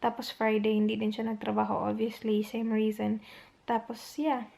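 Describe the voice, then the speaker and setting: A woman's voice: a little high, little pitch movement, normal speed, creaky, warm tone. A young woman vlogging at home alone at night, chatty and upset, retelling a long night and mixing English phrases into her talk. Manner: chatty, mixes English into Tagalog, retells quotes. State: upset, on the verge of tears. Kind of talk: casual storytelling vlog.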